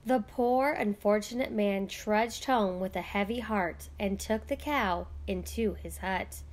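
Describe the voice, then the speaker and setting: A woman narrating a children's picture book aloud with slow, expressive storytelling. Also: medium pitch.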